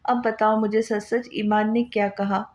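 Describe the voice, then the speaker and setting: A woman's voice: mid-range voice, level tone, moderate pace, darkish tone, close to an everyday voice. A woman reading the lines of an affectionate, doting young husband. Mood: earnest. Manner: doting, coaxing.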